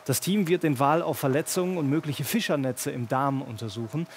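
A man presenting regional TV news in a brisk, clear newsreader manner. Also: on the high side, a little hiss or hum. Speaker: news anchor.

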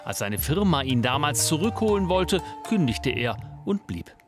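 A man narrating a scripted television news report in a measured, even way. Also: fairly high pitch. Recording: voice-over with music underneath.

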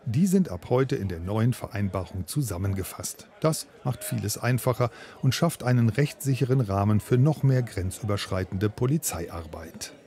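A man reading a news report voice-over in a calm, even way. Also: on the low side, moderate pace.

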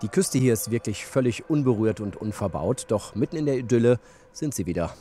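A man as a travel reporter, giving calm, scripted documentary narration and asking a local guide questions. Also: medium pitch, fairly quick. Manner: calm, even storytelling delivery. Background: music.

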